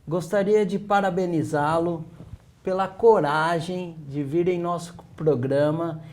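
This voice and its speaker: Measured Brazilian male talk show host. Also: on the high side, darkish tone. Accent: Brazilian Portuguese. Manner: measured, formal questioning. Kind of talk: scripted intro and interview questions.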